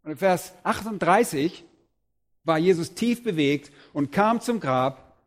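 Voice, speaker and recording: A man's voice: high-pitched, lively intonation, a little slow. A middle-aged man preaching a sermon, reading Bible passages aloud and then expounding them with emphatic rises.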